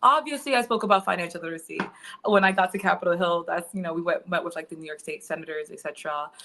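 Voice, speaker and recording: A woman in her thirties talks through her stories as an interview guest, her voice bright and forward. She talks loosely, filling her sentences with "um" and "you know.". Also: lowish voice, fast talker, a little hiss or hum. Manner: chatty, many fillers like um and you know. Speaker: guest financial educator. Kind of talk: casual interview storytelling.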